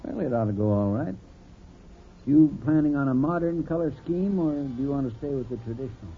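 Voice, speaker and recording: An actor playing an easygoing, agreeable house painter in a 1950s radio sitcom, slow and noncommittal. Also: male voice, mid-range voice, expressive, close to an everyday voice. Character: mild, easygoing middle-aged house painter. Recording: tinny old radio transcription with faint hiss.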